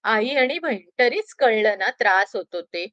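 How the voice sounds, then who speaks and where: Gruff kindly shop worker, instructive, voiced by a woman, higher, bright. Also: animated, measured pace, dry recording, lo-fi sound. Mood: caring. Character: kindly senior shop worker, grown man.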